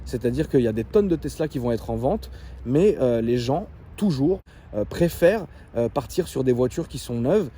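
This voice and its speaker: A man telling a story casually in a vlog, chatty and animated with many fillers, then showing off his car from inside it. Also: mid-range voice, normal speed, slightly rough. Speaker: car vlogger.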